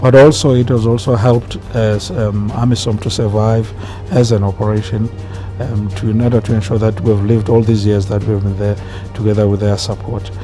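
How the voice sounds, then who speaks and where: A man giving unscripted interview remarks as an official, halting and measured, repeating phrases. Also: on the low side, flat delivery, mellow. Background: prominent background music.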